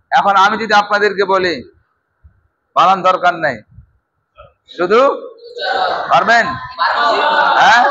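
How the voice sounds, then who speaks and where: A man's voice: high voice, pushed and bright, dull audio, a little hiss or hum. A man from Bangladesh teaching a Quran reading class, leading learners through call-and-response drills and often raising his voice.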